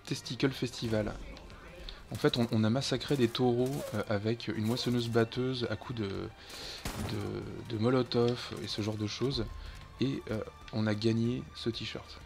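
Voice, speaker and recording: A man's voice: mid-range voice, steady tone, measured pace, creaky, music in the background. A man streaming a co-op game, chatting casually and swearing when things go wrong. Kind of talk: casual gaming chat.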